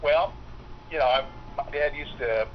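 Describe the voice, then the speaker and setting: Middle-aged pilot on speakerphone, calm and explanatory, dull muffled line with steady hiss behind him. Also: male voice, mid-range voice. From Utah, USA. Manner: calm, explanatory, pauses often to think. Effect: heard over a speakerphone. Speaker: airline pilot, guest. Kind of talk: casual phone interview.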